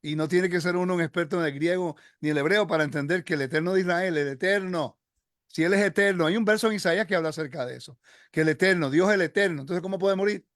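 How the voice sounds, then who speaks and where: A man's voice: high voice, fast talker, fairly bright tone, dry recording, studio quality. A man hosting a religious discussion, talking earnestly and emphatically with many fillers and restarts.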